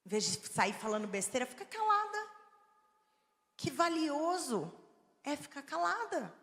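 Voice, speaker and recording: A woman preaching a sermon in Brazilian Portuguese, animated, moving between soft, coaxing talk and firm, loud emphasis. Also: high-pitched, a little slow. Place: large church hall. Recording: long hall reverb.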